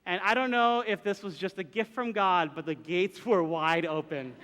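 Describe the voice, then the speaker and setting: A young adult man, a pastor, telling a comic story in a chatty, animated way from the pulpit. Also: high voice, moderate pace. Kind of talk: storytelling sermon. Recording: reverberant hall.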